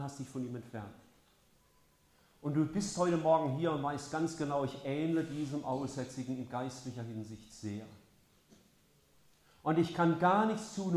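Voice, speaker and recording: An older man preaching a sermon with passion, his delivery swinging from soft and intimate to loud and urgent. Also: medium pitch. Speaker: pastor. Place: church hall. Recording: echoey church hall.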